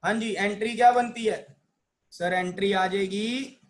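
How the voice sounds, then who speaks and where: A man gives a lively accounting lesson in a high voice. He acts out little reactions of joy and dismay. He quizzes his students and answers for them. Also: unhurried. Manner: asks students questions and answers them himself. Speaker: accounting teacher. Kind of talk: classroom lecture.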